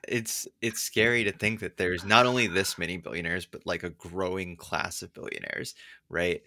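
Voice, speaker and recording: A podcast co-host in casual chat, animated and quick to laugh. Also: low voice.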